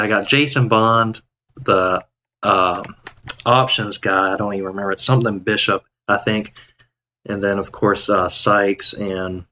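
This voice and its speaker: A man in his thirties chats casually on a day-trading live stream from a room at home, rambling with restarts and filler words. His voice is fairly low with a sharp tone, picked up by a headset mic.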